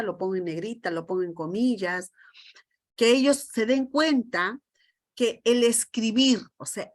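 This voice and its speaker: Lady teacher trainer on a video call, emphatic, keeps asking the group questions. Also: mid-range voice. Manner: emphatic, asks the group many rhetorical questions. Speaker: teacher trainer leading a session.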